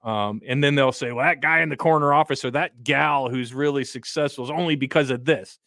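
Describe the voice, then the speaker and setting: A man's voice: medium pitch, brisk, creaky, a bit bright, dry recording, studio quality. A man in his fifties, a financial advisor co-hosting a radio show, talking bluntly and joking with folksy analogies. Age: 50s. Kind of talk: casual radio talk.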